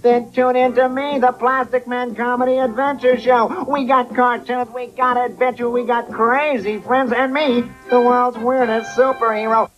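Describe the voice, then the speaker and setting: A man voicing a cheerful, wacky stretchy cartoon superhero in a TV promo pitch. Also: flat delivery, normal speed, hardly any pauses. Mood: cheerful, boastful. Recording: dull old TV audio, faint music.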